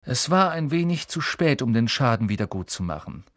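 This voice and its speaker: A man narrating an audiobook in an expressive storytelling manner with lively emphasis. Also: mid-range voice, normal speed, no room sound, clean studio sound.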